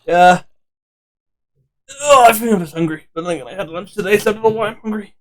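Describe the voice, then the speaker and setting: A young British man with a British accent streams a game, chatting casually, teasing his friends and laughing often. His voice is high-pitched and he talks fast.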